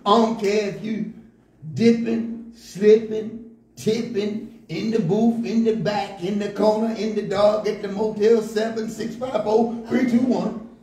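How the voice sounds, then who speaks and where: A man preaching a sermon from the pulpit in rhythmic call-and-response style, building to shouts. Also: sits high, fairly even intonation, a little slow, distant mic. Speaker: pastor. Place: church sanctuary, indoors, at a pulpit. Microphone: stand mic at the pulpit, filmed from a far camera. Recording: echoey church room, heard from afar.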